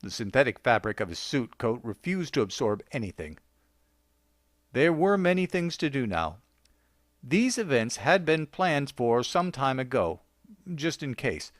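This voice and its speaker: A man reading a short story aloud with a wry, deadpan delivery. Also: medium pitch, measured pace, no echo, studio quality. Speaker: narrator.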